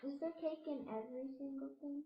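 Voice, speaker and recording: A woman's voice: sits high, fairly even intonation, a little fast. A woman playing a game with a friend, asking curious questions about how it works. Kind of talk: casual gameplay chat. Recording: muffled lo-fi audio.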